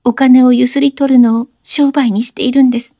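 A woman's voice: high-pitched, level tone, fairly quick, dark tone, no room sound, clean studio sound, voice pushed up. A woman voicing a desperate, guilt-ridden young woman who pleads breathlessly through sobs in a spoken story reading. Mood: confessing.

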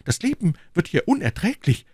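A man voicing a frantic, breathless middle-aged headmaster in an audiobook, pleading in a high, agitated voice. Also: very animated, brisk, darkish tone, husky, no echo, clean studio sound, exaggerated voice. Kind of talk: audiobook reading.

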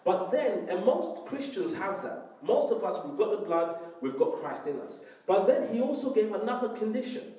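A man's voice: sits high, very animated, moderate pace, hardly any pauses, warm tone. A man preaching a sermon as pastor, emphatic and often checking that the congregation understands. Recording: very echoey room, voice from far off.

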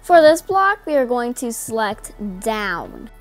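Speaking slowly in a slightly high, very animated voice, a woman guides viewers through a coding tutorial step by step. Her plain, instructive narration is laid over a screen recording with faint background music.

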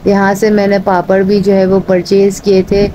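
With a mid-range voice at an ordinary pace, a woman vlogger with a Pakistani Urdu accent calmly runs through a market's goods and prices item by item as she tours it. The recording is rough, carrying slight background noise and a music bed.

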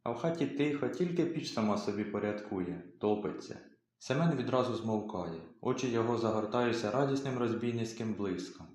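A man reading a literary story aloud as an audiobook narrator, in a measured, expressive storytelling manner. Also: on the low side. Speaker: audiobook reader. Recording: very echoey room.

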